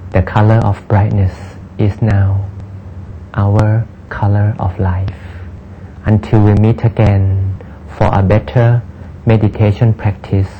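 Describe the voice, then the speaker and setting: A man giving calm, measured, scripted narration for a meditation program. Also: lowish voice, highs cut off, slight background noise.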